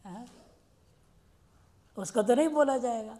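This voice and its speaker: A woman with a somewhat high voice gives a grammar lecture. She poses questions to her class and slows right down to chant the Sanskrit rules word by word. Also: mellow.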